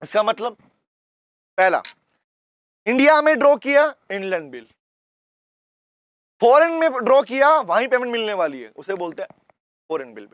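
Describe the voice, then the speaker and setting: Male commerce teacher, very high voice, dry close sound, repeats key terms. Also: very animated, normal speed, pauses often, a bit bright, no echo. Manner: explains in Hindi mixed with English terms, repeats points, calls out to students. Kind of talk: classroom lecture.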